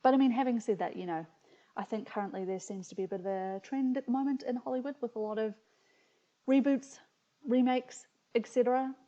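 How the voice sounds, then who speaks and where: The recording is a bit muffled as a woman with a New Zealand accent, hosting a video, chats and reads out stories from her childhood. She speaks fairly quickly in a warm, slightly high voice, coming across as hesitant, reflective and amused.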